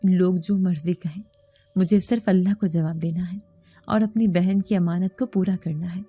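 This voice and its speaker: A woman voicing a steadfast, devout middle-aged uncle who speaks in a firm, measured way. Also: fairly low pitch, fairly even intonation, mellow, breathy edge, soft background music. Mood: resolute.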